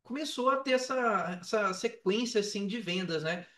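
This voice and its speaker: A high, pushed, bright voice with lively intonation and a moderate pace belongs to a Brazilian Portuguese-accented affiliate marketer on a podcast. He tells his own story casually, slangy and swearing with emphatic repetition, and the mic sits distant in a roomy, echoing space.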